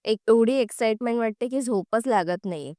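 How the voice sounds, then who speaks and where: A woman's voice: a little high, fairly quick, warm tone, no echo, studio quality, natural voice. A woman reading the lines of a firm, devoted young daughter-in-law in a serial recap. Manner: firm, rebuking.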